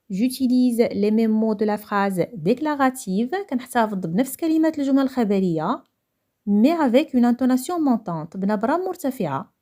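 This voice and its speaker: A woman with a Moroccan accent teaching a French grammar lesson, going over each point slowly in French and then quickly again in Moroccan Arabic. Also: a little high, darkish tone. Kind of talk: grammar lesson explaining exercises.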